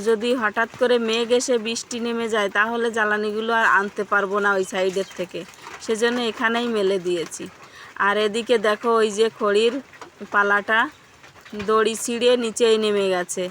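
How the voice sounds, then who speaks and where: A woman's voice: fairly high pitch, a bit bright. Chatty woman vlogging at a rural home. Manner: chatty, addresses viewers as friends. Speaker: family vlogger. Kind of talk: casual vlog narration. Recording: noisy outdoor phone recording.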